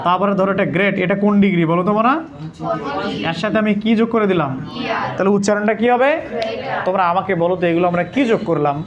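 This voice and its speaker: A man teaches a classroom lesson, drilling his pupils by asking the same question again and again until they answer. His voice sits high, and he speaks fast with frequent pauses. The audio is dull, with loud classroom crowd noise and a class of children answering in chorus.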